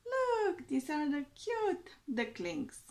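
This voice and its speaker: Slow, lilting woman reading to children. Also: sits high. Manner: slow, expressive storytime reading with a sing-song lilt. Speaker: teacher. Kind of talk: reading a picture book aloud to young children. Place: small room indoors.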